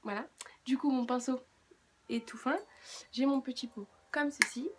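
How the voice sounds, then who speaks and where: A woman's voice: sits high, moderate pace, background noise. A woman with a French accent chatting casually through a makeup tutorial, with self-mocking asides. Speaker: beauty vlogger.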